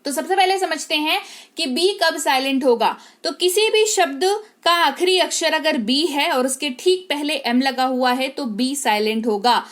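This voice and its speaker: A woman's voice: high-pitched, measured pace, a bit bright. A woman teacher giving an online English spelling lesson, patiently explaining rules and repeating key words.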